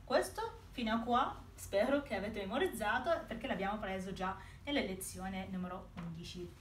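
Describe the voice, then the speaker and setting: A woman teaching a lesson, saying each word slowly and repeating it, with her own pronunciation. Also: medium pitch, distant mic. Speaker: Arabic teacher. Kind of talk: slow language lesson. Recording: roomy, off-mic, faint hiss.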